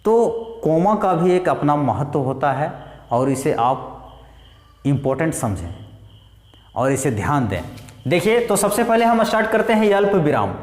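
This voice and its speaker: A man teaching a grammar lesson, explaining slowly with worked examples. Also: a little high, expressive, a little mellow. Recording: echoey room, distant reverb.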